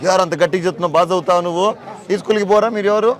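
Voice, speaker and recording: A man, a politician touring a village outdoors, talking casually with villagers and children in a brisk, commanding, playful way. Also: sits high, fairly even intonation.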